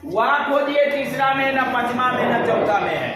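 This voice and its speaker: A man teaching a Hindi grammar lesson at a board, slowly, asking the class questions and answering them himself. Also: very high voice, animated. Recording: very echoey room with clear background noise.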